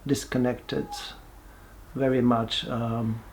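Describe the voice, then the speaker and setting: A man, giving a halting, reflective personal testimony with many pauses and restarts. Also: mid-range voice, level tone, darkish tone, slight background noise. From Bulgaria. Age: 40s. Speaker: person sharing his life story.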